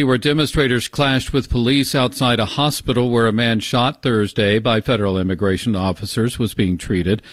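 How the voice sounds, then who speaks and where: An American man, the anchor, reads a scripted radio newscast into a close studio microphone. His voice is lowish, and the dry recording has no room sound.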